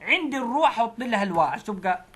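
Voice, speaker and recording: A woman with an Egyptian Arabic accent teaching a phonics lesson, slowly repeating syllables one at a time. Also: a little high, lively intonation, breathy edge.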